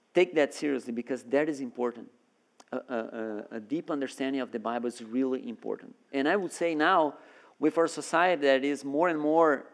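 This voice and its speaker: A man from Brazil preaching a sermon as a guest, earnest and full of restarts and repeated words. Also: medium pitch. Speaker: guest preacher and seminary worker.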